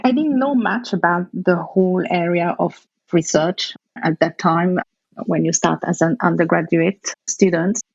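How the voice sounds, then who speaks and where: A middle-aged woman from Algeria speaks in a low, gravelly voice, answering interview questions thoughtfully and sometimes restarting a phrase mid-thought. The audio is dull and lo-fi, with a dry, close sound. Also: a little mellow, no echo. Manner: thoughtful, searching for words, restarts. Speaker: guest researcher.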